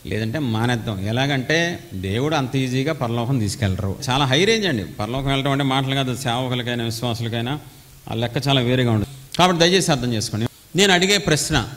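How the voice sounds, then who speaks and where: Man, forties, pastor, forceful dramatic sermon, echoey hall. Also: medium pitch. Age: 40s. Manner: forceful, dramatic preaching with acted quotes. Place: church meeting hall.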